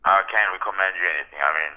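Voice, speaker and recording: A man's voice: low voice, rapid-fire, bright, forceful tone. A man taking a pizza order over a phone line, businesslike and patiently repeating his questions. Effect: heard over a phone line.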